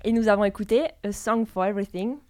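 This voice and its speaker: A woman's voice: mid-range voice, steady tone, quick pace, background noise. Playful giggly woman radio host. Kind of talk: casual radio interview.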